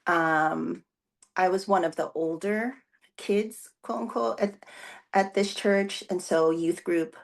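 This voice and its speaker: In a casual interview, a guest executive pastor from the Philippines, a woman whose first language is Tagalog, talks through her story. She has a low, gravelly voice with vocal fry. Thinking aloud, she pauses frequently and fills the gaps with fillers and restarts.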